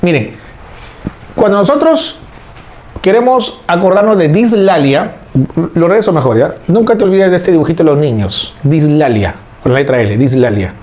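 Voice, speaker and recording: A man's voice: fairly high pitch, lively intonation, moderate pace, a little mellow. A man teaching a recorded lecture, repeating key words and asking imagined students questions before answering them.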